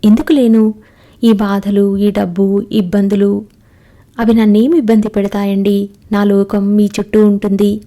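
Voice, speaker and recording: A woman reading the part of a gentle, devoted young wife in a storybook reading, speaking softly and affectionately. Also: mid-range voice, little pitch movement, measured pace, natural voice. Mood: tender.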